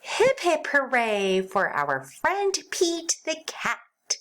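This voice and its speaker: Lady doing old jolly santa for a kids story, very expressive, slow and exclaiming. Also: high voice, voice pushed up, full character voice. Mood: jubilant.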